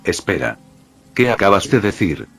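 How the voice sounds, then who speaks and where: A man's voice: deep voice, very animated, normal speed, a bit bright, husky, exaggerated voice. A man reading a shaken teenage boy hero. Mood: tense. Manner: tense, frustrated.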